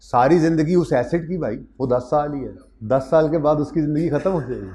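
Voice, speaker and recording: Man lecturing a class, higher voice. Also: fairly quick, dark tone. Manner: explains step by step, calls students "beta" and "bhai", asks "theek hai na?"; raises his voice to project to the room. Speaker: accounting lecturer. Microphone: microphone in a classroom with hybrid online students.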